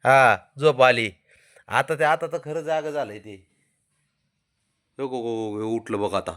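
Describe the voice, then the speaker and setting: A man's voice: mid-range voice, slow, a bit bright. A man speaking, chatting casually and teasingly to his pet cat, coaxing it and often raising his voice. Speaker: pet owner.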